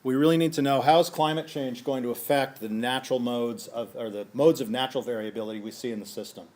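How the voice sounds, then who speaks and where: A scientist giving a lecture, a man whose voice is going hoarse and who keeps clearing his throat as he works methodically through a series of questions. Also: mid-range voice, steady tone, fast talker, darkish tone. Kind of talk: conference lecture.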